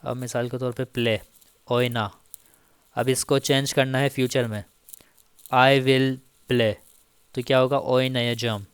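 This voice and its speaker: A man teaching Turkish grammar in a casual spoken lesson, slowly repeating each example and checking in often with the listener. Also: mid-range voice, flat delivery, clear, resonant tone, dry recording, clean studio sound. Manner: slow, repeats each example with frequent "theek hai".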